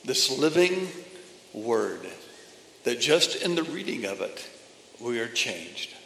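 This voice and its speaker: A man preaching a sermon with emphatic phrasing and pauses between phrases, addressing a congregation. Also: mid-range voice, sing-song, creaky, a bit bright, slight background noise. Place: church or meeting hall. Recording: echoey hall from a distance.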